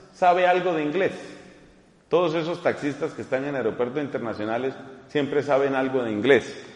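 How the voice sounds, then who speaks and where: Priest preaching in an echoing hall. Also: male voice, on the high side. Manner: animated, teasing, mimics voices in anecdotes. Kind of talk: humorous sermon with storytelling. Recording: echoey hall with long reverb.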